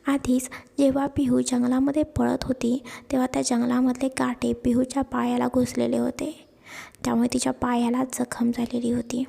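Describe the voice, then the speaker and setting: Soft-spoken woman storyteller, half-whispered. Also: high-pitched, monotone, moderate pace, creaky. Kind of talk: scripted story narration. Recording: long echo, hall-like reverb.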